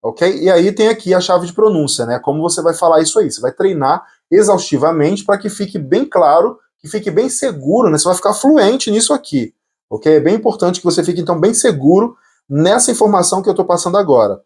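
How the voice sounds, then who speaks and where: A man teaching an English lesson, speaking casually with many tag words and saying model English phrases slowly and carefully. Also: high-pitched, expressive, a little mellow.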